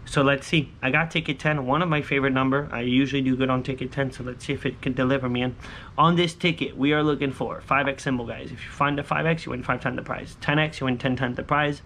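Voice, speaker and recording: A man in his thirties hosts a scratch-off lottery video, chatting casually to viewers as he scratches tickets on a covered patio beside a pool. His mid-range voice holds a steady tone, a bit bright, and he talks fast in short, repetitive, informal phrases. Clear ambient background noise comes through the recording.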